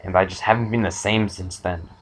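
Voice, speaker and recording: A young man telling an absurd, rambling comic story in a deadpan way, chuckling at his own jokes. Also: deep voice, fairly quick, rough recording. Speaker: channel comedian.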